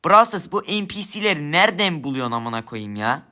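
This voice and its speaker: A man's voice: on the high side, big pitch swings, a little fast, sharp tone. A young man giving angry gameplay commentary, swearing and ranting at his teammates in frustration. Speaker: gamer streamer.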